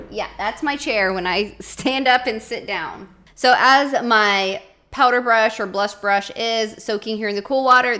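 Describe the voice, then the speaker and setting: Bright-voiced chatty woman vlogging. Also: fairly high pitch. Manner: chatty, animated, dramatic exclamations. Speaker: beauty vlogger. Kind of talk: casual demonstration vlog.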